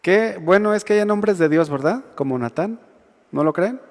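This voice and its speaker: A Mexican man preaching to a youth congregation with a high, light voice. He talks conversationally and keeps checking that his listeners agree. His voice rings out with the long reverb of a big church hall. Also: expressive, normal speed. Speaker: youth pastor. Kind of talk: sermon.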